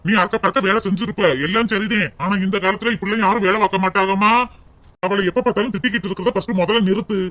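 A high-voiced, quick-talking adult son, acted out by a man in a cartoon. He pleads and placates in a Tirunelveli Tamil accent, patient as he tries to make peace. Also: fairly even intonation, pushed and bright, no echo. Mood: pleading. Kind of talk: cartoon voice acting.

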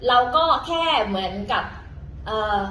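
A woman's voice: medium pitch, expressive, measured pace, fairly bright tone, roomy sound, a little hiss or hum, low-quality recording. A woman teaching in a casual, chatty way, full of fillers and self-corrections, talking to viewers as younger siblings. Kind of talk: casual vlog-style lesson.

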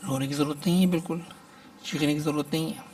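A man teaching English expressions in a lecture, reading each phrase slowly and then explaining it. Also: a little high, steady tone, darkish tone, far from the mic, a little hiss or hum.

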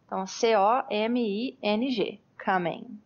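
A woman's voice: medium pitch, takes it slowly. A Brazilian woman co-hosting a podcast lesson, laying out English spelling rules precisely and spelling words letter by letter. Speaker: English teacher, podcast co-host. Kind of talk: conversational teaching podcast. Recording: muffled online call audio.

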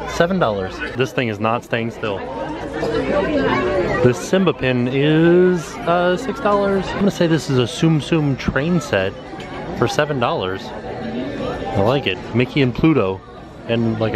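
A man in his thirties, a vlogger, chatting upbeat about prices while browsing a busy store on a handheld camera. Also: mid-range voice. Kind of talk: casual vlog narration. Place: busy outlet store and parking lot.

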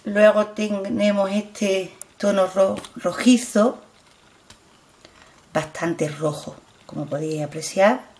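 A woman's voice: medium pitch, slow, a little mellow. A middle-aged woman with a Spanish accent from Spain, chatting casually as she shows her products on camera and repeating herself as she urges viewers to look closely. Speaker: beauty vlogger.

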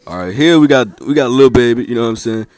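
A teenage boy vlogs on his way to class, joking through interviews in loose, slangy talk and laughing often as he moves through school hallways and grounds. His voice is medium-pitched and animated, and he talks fast over crowd noise.

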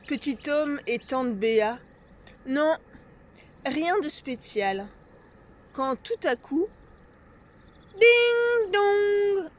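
A woman reads a picture book aloud to children, slow and expressive. Her voice sits high and unhurried, lingering over the repeated lines. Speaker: storyteller.

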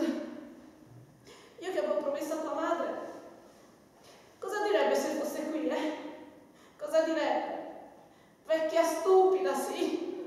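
Stage rehearsal: actress as a nagging old nurse, high voice, echoing church from afar. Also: female voice, a little mellow. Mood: lamenting. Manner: scolding, nagging, theatrical. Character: scolding old female nurse, fussy and doting. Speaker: amateur stage actor. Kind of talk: theatre rehearsal acting. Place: large church hall. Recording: echoey church hall from far off.

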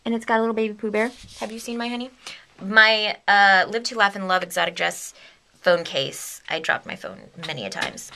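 Speaking a little fast at a medium pitch, this young woman in her twenties sounds gravelly and sharp, with a little hiss or hum on the recording. Her casual vlog talk is bubbly, rambling and giggly, sleepy and a bit delirious, occasionally sinking to a whisper. The camera is handheld and close to her face, in a small home studio with a green screen and a big red chair.

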